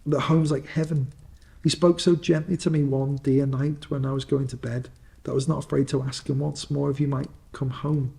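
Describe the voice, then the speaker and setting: A man's voice: medium pitch, level tone, moderate pace, creaky, mellow, natural voice. A man voicing a tiny, affectionate and gleeful little sister, eagerly repeating words, in storybook fireside storytelling. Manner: eager, repetitive. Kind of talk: fireside storytelling, acted dialogue.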